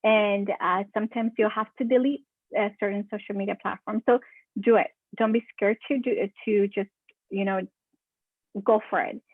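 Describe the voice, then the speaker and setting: A marketing consultant from California answers podcast questions in a chatty, casual interview, repeating words for emphasis. Her medium-pitched voice has fairly even intonation at a normal speed. The audio is dry and tinny, like a phone call.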